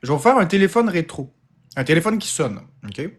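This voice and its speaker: A man with a Québécois accent chatting casually on a live stream, quick and playful. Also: on the high side, big pitch swings, slightly rough.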